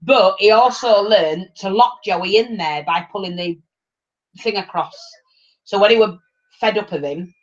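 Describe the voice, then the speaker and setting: A middle-aged woman with an English accent chatting casually and telling anecdotes in a blunt, animated way on a livestream. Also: medium pitch, measured pace. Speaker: livestream host. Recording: dull lo-fi livestream audio.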